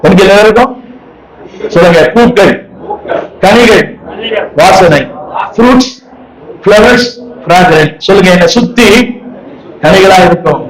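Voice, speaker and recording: A male preacher with a notably high-pitched voice leads a congregation through a sermon. He speaks emphatically, repeating lines and calling on the crowd to echo his words aloud. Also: measured pace, pauses often. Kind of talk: sermon with call-and-response.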